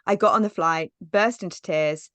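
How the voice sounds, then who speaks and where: A woman's voice: lowish voice, moderate pace, fairly bright tone, dry recording. A woman in her thirties talks as a podcast guest, telling a personal story in a chatty, rambling way. Her speech is full of "like" and "um." The recording is close and dry, with little room sound. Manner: chatty, lots of "like" and "um". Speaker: podcast guest, business mentor. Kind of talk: casual storytelling interview.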